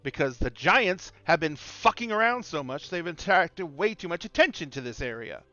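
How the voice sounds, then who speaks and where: A man playing an ancient, boastful, evil lich in a tabletop game, bargaining with deliberate, dramatic pauses. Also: on the high side, very animated, pushed and bright, dry recording, highs cut off. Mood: boastful, matter-of-fact.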